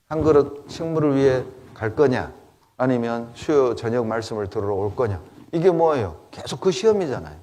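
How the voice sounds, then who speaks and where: A middle-aged man preaches with lively, swooping intonation, firing off repeated rhetorical questions to press each point. His voice sits at an ordinary male pitch and moves a great deal. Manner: emphatic rhetorical questions and repetition. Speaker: pastor. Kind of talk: sermon.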